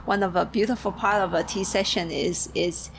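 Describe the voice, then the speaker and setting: A woman hosting a casual podcast chat, haltingly searching for her words. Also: lowish voice, rough recording. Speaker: podcast host and tea shop keeper. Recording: clear steady background noise.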